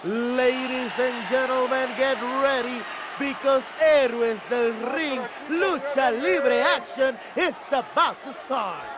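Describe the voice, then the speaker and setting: Sarcastic male lucha libre colour commentator, very high emphatic delivery, video game arena crowd roaring. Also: slow pace, very noisy. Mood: excited, sardonic. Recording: loud arena crowd and music behind.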